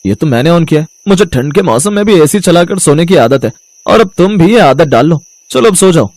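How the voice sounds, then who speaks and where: A man's voice: fairly high pitch, expressive, a little fast, a little mellow, dry recording. A man playing a husband and in-law who brushes off complaints in a matter-of-fact way, in a comic short. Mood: dismissive. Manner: offhand, dismissive. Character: grown son and in-law family man.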